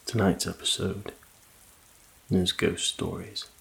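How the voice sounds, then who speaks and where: Male sleep story narrator: deep and flat-toned, hushed, unhurried, calming, rain in the background. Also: gravelly. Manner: slow, calm, hushed, relaxing delivery. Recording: faint noise under rain ambience. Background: rain ambience.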